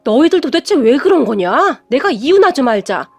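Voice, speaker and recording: Woman doing a stern older mother-in-law, sharp scolding, high lively voice, faint music. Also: moderate pace. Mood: questioning.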